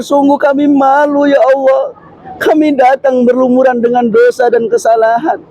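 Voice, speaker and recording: A man with a strikingly high, mellow voice leads a congregation in fervent supplication. He pleads in rhythmic repeated refrains, his delivery earnest and devotional, like a preacher guiding pilgrims through prayer. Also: dry recording, low-quality recording. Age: adult, a father and husband. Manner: chanted Arabic prayer, then tearful pleading refrains in Indonesian. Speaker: ustadz leading pilgrims in prayer. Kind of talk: impassioned supplication. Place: large mosque courtyard, in public.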